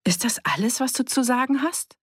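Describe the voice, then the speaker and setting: A woman voicing a sharp-tongued young woman accused of being a witch, defiant and cutting, in an audiobook. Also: sits high, expressive, moderate pace, husky, no echo, studio quality, voice pushed up.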